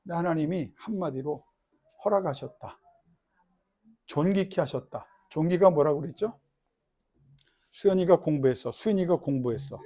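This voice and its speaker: A middle-aged man preaching a sermon as pastor, swinging between loud, crying-out prayer and soft, low asides, and putting questions to the congregation. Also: moderate pace, pauses often. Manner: questions the congregation and has them repeat lines.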